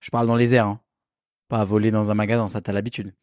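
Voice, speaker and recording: A man's voice: fairly low pitch, level tone, quick pace, a little mellow, no room sound. Young guy cohosting a chat show, jokey and teasing, dry close sound. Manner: teasing, joking banter. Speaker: podcast co-host. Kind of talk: casual chat.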